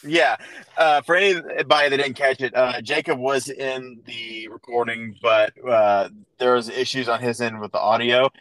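Man, podcast host, casual rambling chat, bright tone, dry sound. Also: mid-range voice, fairly even intonation, moderate pace, dry recording, low-quality recording. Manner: rambling storyteller, many restarts and fillers.

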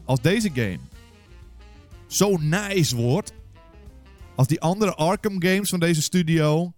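A man's voice: on the high side, takes it slowly, darkish tone, soft background music. A man co-hosting a casual podcast chat, teasing his co-host and ranting with frequent swearing.

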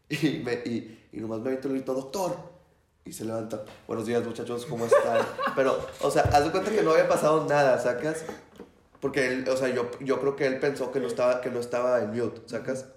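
A man's voice: mid-range voice, a little fast, reverberant. Young guy telling a story. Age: young adult. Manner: animated storyteller, acts out shouts and quotes. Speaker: student. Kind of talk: casual storytelling chat.

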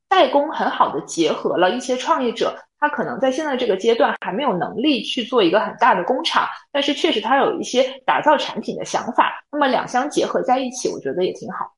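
A woman's voice: on the high side, echoey room, rough recording. A woman co-hosting a podcast, explaining her views point by point in a casual analytical chat. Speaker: podcast co-host.

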